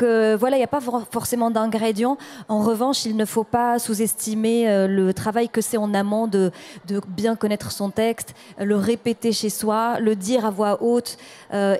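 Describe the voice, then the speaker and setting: Woman poet on a panel, hesitant and halting, soft mellow tone. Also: medium pitch. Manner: hesitant, many fillers and restarts. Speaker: poet and performer. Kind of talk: panel discussion answers.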